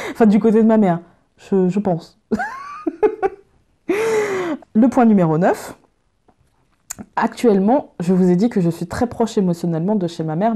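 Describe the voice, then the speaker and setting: French woman, bit of a picard accent, mellow voice, rambly and laughy, lots of ums. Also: medium pitch. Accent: light Picard. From Picardy, France. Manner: chatty and self-mocking, laughs often; many fillers and restarts. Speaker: YouTuber doing a tag video. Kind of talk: casual chat to camera.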